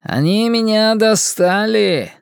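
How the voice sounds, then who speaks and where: A rowdy, show-off boy in an audiobook who clowns in mock announcer and tough-guy voices. He sits well above the narrator's pitch and pushes it louder, voiced by the reader. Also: expressive, takes it slowly, gravelly, smooth, no echo, studio quality. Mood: clowning.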